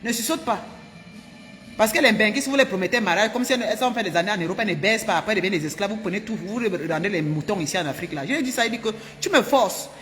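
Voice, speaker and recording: A woman tells her viewers a story at a quick clip. She talks in an animated, emphatic way, circling back and repeating herself. Her voice rings in a roomy space, with faint music underneath. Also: mid-range voice. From Cameroon. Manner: animated and emphatic, with frequent repetitions. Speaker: vlogger.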